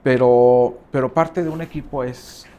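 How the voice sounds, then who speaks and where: A man's voice: mid-range voice, steady tone, mellow. Hesitant male interviewer. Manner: hesitant, many fillers, measured. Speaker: interview host. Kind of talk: conversational interview.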